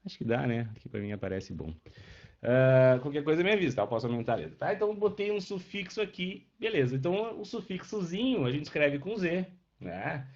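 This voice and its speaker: A man's voice: fairly high pitch, sing-song, a little fast, a little mellow. Man teaching in a lo-fi online class. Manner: patient, checks in often with students. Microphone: webcam microphone. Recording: dull lo-fi online class audio.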